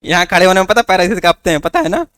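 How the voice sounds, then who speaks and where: A man's voice: high voice, big pitch swings, racing, fairly bright tone, smooth, no echo. Hindi-accented guy teaching a class, keeps asking students if they get it, dry close sound. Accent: Hindi, north Indian. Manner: rhetorical questions, coaxing students. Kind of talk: classroom lecture.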